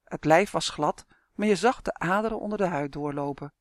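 An audiobook reader calmly narrating a children's story. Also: medium pitch, moderate pace, no room sound, studio quality. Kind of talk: scripted narration.

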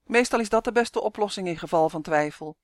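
A woman's voice: medium pitch, brisk, no echo, lightly acted. A tall, wise male elf from a storybook, voiced by a woman reading aloud. He speaks firmly and will not give way. The sound is dry and close. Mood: calm. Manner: firm, unyielding.

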